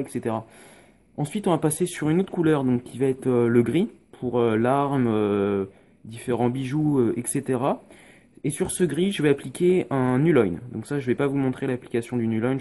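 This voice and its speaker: A man's voice: medium pitch, warm tone. A man giving a casual painting tutorial, recorded on a phone, explaining each step with many hesitations.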